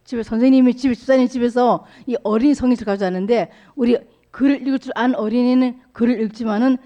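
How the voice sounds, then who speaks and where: A woman deacon giving a children's sermon, speaking slowly in a sing-song way and asking the children questions. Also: a little high, fairly even intonation, warm tone, dull audio.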